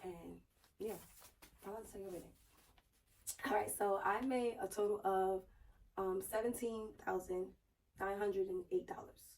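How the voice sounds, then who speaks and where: Hoarse woman vlogger, slightly distant mic. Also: medium pitch, steady tone, normal speed, long pauses, darkish tone. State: hoarse, strained voice just back after losing it, sore throat. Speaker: YouTube vlogger. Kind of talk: casual personal finance vlog.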